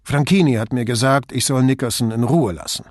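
A man's voice: medium pitch, fairly quick, darkish tone, dry recording, clean studio sound, lightly acted. A man voicing an evasive, touchy man who turns defensive and indignant under questioning, read in an audiobook.

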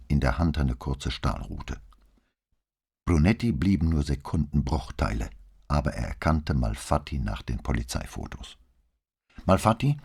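A deep, husky male audiobook narrator reads a scripted crime novel in a steady, deliberate manner.

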